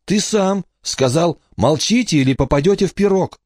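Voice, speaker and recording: A stubborn little girl pleads with her siblings in a high, insistent voice, as a man reads her out. The audiobook recording is dry and close, and the pitch swoops widely. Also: expressive, moderate pace, darkish tone, no room sound. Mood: urgent. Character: young girl, youngest sister, stubborn and pleading.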